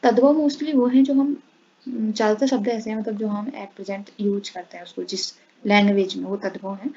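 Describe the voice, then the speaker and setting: A woman's voice: medium pitch, darkish tone. A woman teaching a grammar lesson in Hindi. She reads out word pairs, says "ठीक है" after each set, and mixes in English words. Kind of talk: classroom-style lesson. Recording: dull, slightly noisy lo-fi audio.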